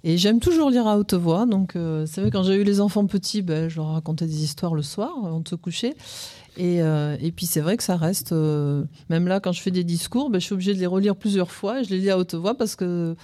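Middle-aged woman guest, casual hesitant chat; low, warm, dry. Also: a little fast, no echo. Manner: hesitant, many fillers and restarts. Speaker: guest on a school radio show.

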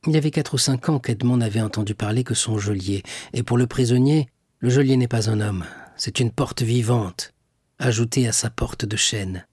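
A man reading a classic novel aloud in measured, dramatic narration. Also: medium pitch, darkish tone, husky, dry recording, studio quality. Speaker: audiobook narrator.

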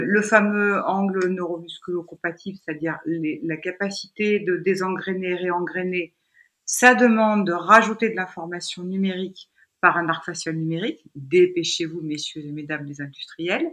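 A woman's voice: on the low side, fairly bright tone. A middle-aged woman, a dentist, explaining technical points emphatically in a podcast conversation.

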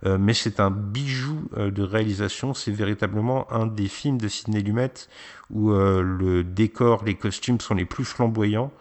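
A man with a fairly low voice chats about films on a podcast. He talks casually, pausing often with fillers as he weighs his opinions. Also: a little mellow. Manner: hesitant, many fillers. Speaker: film podcast co-host. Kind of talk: casual film review chat.

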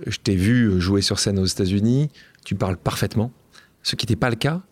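Male interviewer, chatty, jumps in to finish lines, fairly low voice, dry room. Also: brisk, breathy edge, no room sound. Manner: chatty, finishes guest's sentences. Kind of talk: interview questions.

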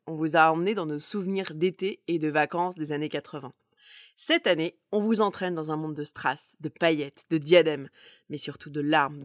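A woman with a deep voice hosts a podcast, telling stories from a script in a conversational way and dropping wry asides. The recording is studio quality with no echo.

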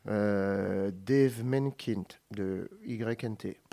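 Joking French radio presenter. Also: male voice, fairly low pitch, drawn-out words, gravelly, dark tone. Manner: reads long name lists, joking asides and self-corrections. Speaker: radio co-host presenting a music segment. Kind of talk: casual radio chat.

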